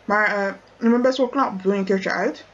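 A woman voicing a clueless, laid-back teenage boy in a toy-figure film, with a husky voice. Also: medium pitch, moderate pace, lo-fi sound, voice pushed down, natural voice. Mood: oblivious. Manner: laid-back, oblivious, careless. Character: clueless teen boy who calls everyone bro.

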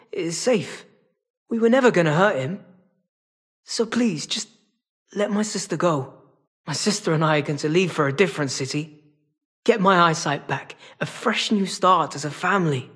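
A man playing a sly, wry, world-weary cat stalker in a video game, bargaining in a casual, streetwise way with a husky voice. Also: high-pitched, moderate pace, a bit bright. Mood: weary, pleading. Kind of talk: video game character acting.

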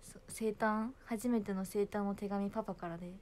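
A woman's voice: mid-range voice, fairly even intonation, moderate pace, darkish tone. A young woman, chatting casually and giggling on a phone livestream. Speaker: idol livestreaming to fans.

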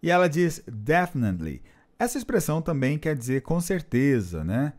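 A man's voice: on the high side, wildly swooping pitch, normal speed, darkish tone. A man teaching an English lesson, patiently repeating and translating phrases. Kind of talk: explanatory language lesson.

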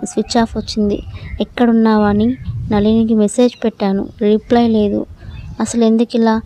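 Flat, mellow woman storyteller. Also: on the high side. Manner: steady first-person storytelling. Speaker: story narrator. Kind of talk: audio story reading.

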